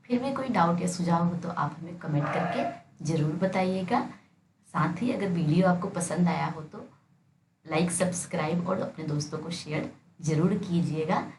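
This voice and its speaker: A woman's voice: on the low side, normal speed. Hindi-speaking woman teaching in echoey room. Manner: explains patiently, addressing students directly. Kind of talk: textbook lesson explanation. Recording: echoey room with faint noise.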